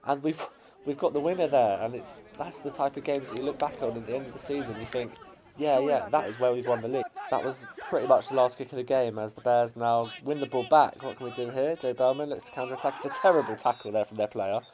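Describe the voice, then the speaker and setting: A man with an English accent commentating on his own amateur football team's match highlights, his voice cracking as the excitement builds. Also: fast, crowd noise. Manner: builds to shouting excitement at late chances.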